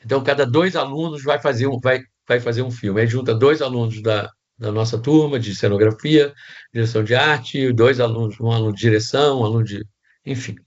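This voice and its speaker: A man's voice: medium pitch, a little fast, dull audio. Rambling Brazilian male set-design teacher. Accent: Brazilian Portuguese. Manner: rambling, restarts, frequent "né?" tag. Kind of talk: casual online class.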